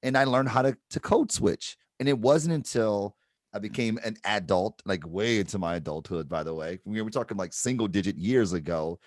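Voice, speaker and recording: A man's voice: on the low side, normal speed, no echo, clean studio sound. A middle-aged man from Detroit, speaking on a panel about advertising in a reflective way and checking in with "right?". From Detroit, Michigan. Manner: reflective, explains with repeated "right?". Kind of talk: panel discussion.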